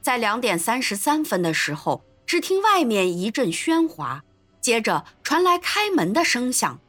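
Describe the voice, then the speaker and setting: A woman narrating an episode of a classic adventure novel in an expressive storytelling manner. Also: fairly high pitch, unhurried, dry recording, soft background music. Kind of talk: scripted narration.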